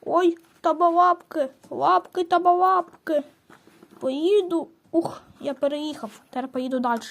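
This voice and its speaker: A woman's voice: extremely high pitch, a little slow, gravelly, exaggerated voice. A woman playing a cheerful little grain-hauling hero. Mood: excited. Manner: playful, sing-song sound effects. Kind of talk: children's toy play storytelling.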